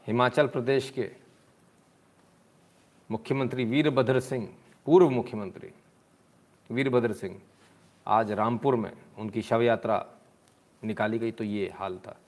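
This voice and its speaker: A man's voice: medium pitch, a little slow, pauses often. A man hosting a live stream, commenting sarcastically on video clips and answering viewers' comments in a mocking, scolding way.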